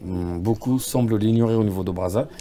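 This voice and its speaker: A man's voice: fairly low pitch, a little fast, warm tone. A man hosting an interview, asking familiar, probing questions. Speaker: interviewer host. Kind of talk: casual interview.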